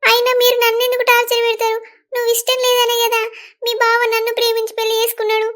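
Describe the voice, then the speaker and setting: A woman's voice: monotone, fast, a bit bright. A woman voicing a meek pleading young bride. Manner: high pleading whine. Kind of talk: cartoon voice acting.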